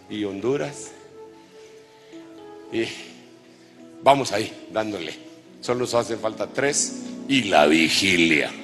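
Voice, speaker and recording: A man preaching a sermon as an apostle to pastors, lively and joking with the congregation, then praying fervently. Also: on the low side. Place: large church hall. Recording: long church-hall reverb with faint music.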